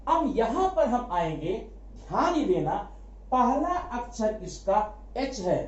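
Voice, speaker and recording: A man teaching a grammar lesson, asking quick rhetorical questions, answering them himself and repeating key words for emphasis. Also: very high-pitched, very animated. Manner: addresses students familiarly as brother. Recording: echoey room, dull lo-fi sound.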